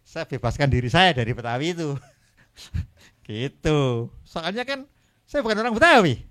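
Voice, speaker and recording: An older man, an author guest at a book talk, chatting in a relaxed way, laughing often and trailing off his sentences. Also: on the high side, unhurried.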